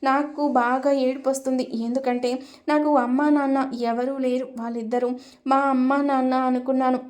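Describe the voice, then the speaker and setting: A woman narrator puts on a weeping young woman from a storybook, innocent and quick to blame herself. Her voice sits slightly high and stays in a narrow band, tearful and pleading. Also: flat delivery, darkish tone, close to an everyday voice.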